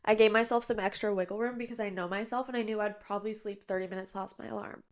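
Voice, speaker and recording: A woman in her twenties hosts a podcast from her bedroom, recording on an iPad set on a tripod. She chats casually at a medium pitch with a steady tone and a quick pace, sounding a bit nasal and congested, tired yet bubbly, and she uses lots of fillers.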